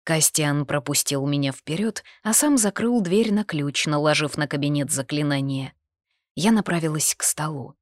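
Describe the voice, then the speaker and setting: A woman narrating a first-person fantasy romance audiobook, expressive and intimate. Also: low-pitched, moderate pace, no echo, clean studio sound.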